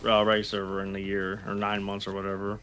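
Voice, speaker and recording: A man's voice: lowish voice, completely flat delivery, brisk, fairly bright tone. A man chatting casually as a fellow gamer, blunt and grumbling, with casual swearing. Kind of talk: casual gaming chat.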